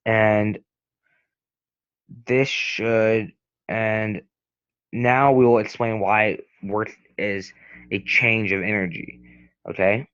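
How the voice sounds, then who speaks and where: A man's voice: fairly low pitch, flat delivery, drawn-out words, long pauses, a bit bright, clear, resonant tone, no echo. A young man tutoring a physics lesson in a casual, hesitant way, rambling with many restarts and fillers. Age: young adult. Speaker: student tutor. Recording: dull, lo-fi sound.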